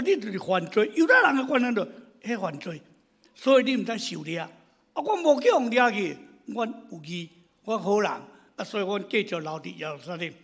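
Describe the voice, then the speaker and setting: A man preaching a sermon as pastor, telling stories in an animated way and swinging between loud exclamations and hushed asides. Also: high voice, gravelly. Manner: animated storytelling, acting out his congregants' complaints.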